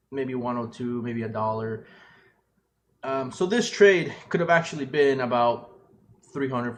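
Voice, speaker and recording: Rambling man on a low-quality webcam mic. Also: a little hiss or hum. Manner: loose and rambling, with many fillers and restarts. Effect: low-quality webcam microphone sound. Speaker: day trader recapping a trade. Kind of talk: casual screen-share trading recap. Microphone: webcam microphone.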